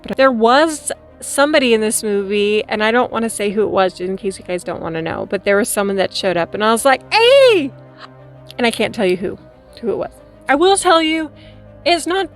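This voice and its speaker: A giggly, tipsy-sounding woman rambling casually and animatedly as she gives a chatty review to camera. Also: mid-range voice. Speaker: movie reviewer hosting a vlog.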